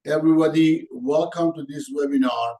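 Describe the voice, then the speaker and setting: A man's voice: fairly high pitch, normal speed, dark tone, distant mic, poor audio. A man in his sixties from Iran with a Persian accent, giving a webinar lecture in an earnest, personal way, with hesitant fillers and non-native grammar. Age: 60s. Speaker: guest presenter.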